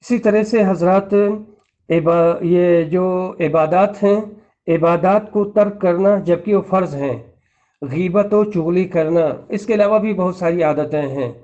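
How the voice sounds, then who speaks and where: High-pitched male preacher with an earnest, admonishing delivery, captured on a dull lo-fi recording. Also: warm tone. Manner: earnest, admonishing, repeats lists. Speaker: Islamic preacher. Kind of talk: religious lecture in numbered points.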